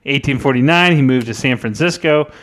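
A man's voice: medium pitch, a little fast, fairly bright tone. Rambling man telling a history story. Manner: rambling, lots of fillers and restarts. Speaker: podcast co-host. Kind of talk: casual storytelling chat.

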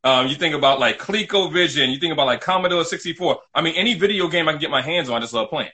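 Speaking very fast in a high-leaning, expressive voice with a bright, forceful tone, a middle-aged man recounts his own story as a casual interview guest. He's from New City, New York City, United States, and he is emphatic and repeats himself often.

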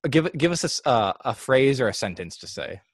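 Man, podcast co-host, animated pitch, dry recording, casual chat, jokey and self-deprecating. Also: fairly quick, breathy edge, no room sound. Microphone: video call.

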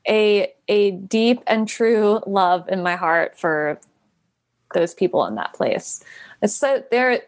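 A woman's voice: mid-range voice, lively intonation, slow, no room sound. A woman guest talking about founding a nonprofit, rambling with many fillers and restarts. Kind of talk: casual interview answers.

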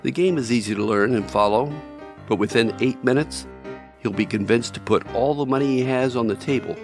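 A man hosting a podcast, reading scripted narration in a measured storytelling way, addressing the listener directly. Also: fairly low pitch. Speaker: podcast host.

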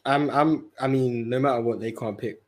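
A man's voice: medium pitch, steady tone, normal speed. A young man with a mid-range voice organises a game among friends. His talk is casual and conversational, that of someone both keeping order and playing along. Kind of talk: casual group chat.

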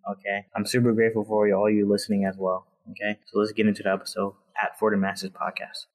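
Upbeat male podcast host, lowish voice. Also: completely flat delivery, fast talker. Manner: upbeat, eager, heavy use of "like". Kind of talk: casual podcast interview.

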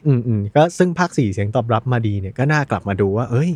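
A young man from Thailand co-hosting a casual gaming podcast, telling stories with lively acted-out quotes. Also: medium pitch, fast talker, no echo. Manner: animated storyteller who acts out quotes. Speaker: podcast co-host.

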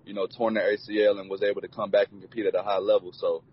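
Man in his twenties, low voice, husky, laid-back interview talk, many fillers, dull lo-fi recording. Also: level tone, fast talker. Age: 20s. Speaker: college football player. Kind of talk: relaxed interview answers.

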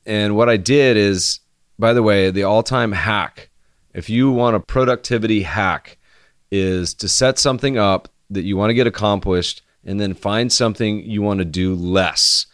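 A deadpan American man delivers a solo podcast monologue in a low, monotone voice. He sounds casual and conversational, recorded close and dry with very little room sound. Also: moderate pace, clean tone, no echo. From United States. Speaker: podcast host.

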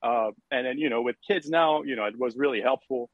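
A man's voice: medium pitch, fairly quick, dry recording, dull audio. A middle-aged man from France with a French accent, chatting casually as a podcast guest with many fillers and easy laughter. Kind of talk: casual interview chat.

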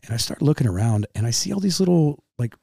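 A man in his thirties with a Midwestern American accent, a podcast guest telling an emotional story in a halting way, repeating himself and calling the host man. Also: mid-range voice, lively intonation, creaky, warm tone, husky, dry recording, studio quality.

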